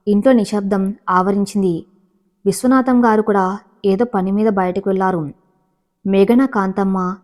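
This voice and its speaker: A woman narrating a romantic novel as storybook narration, reading in a steady, even way. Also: mid-range voice.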